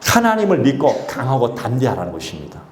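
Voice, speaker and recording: Man preaching with lively pitch. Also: quick pace, slight background noise. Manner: exhorting, calls for congregation responses. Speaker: pastor. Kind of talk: sermon. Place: church sanctuary. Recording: echoey church sanctuary.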